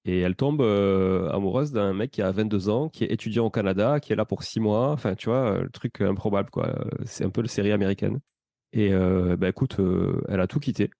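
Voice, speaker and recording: Gravelly-voiced man with a Toulouse accent. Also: lowish voice, brisk, no echo, studio quality. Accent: Toulouse French. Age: 30s. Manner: relaxed, rambling, many fillers and restarts. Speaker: podcast guest. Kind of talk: casual conversational storytelling.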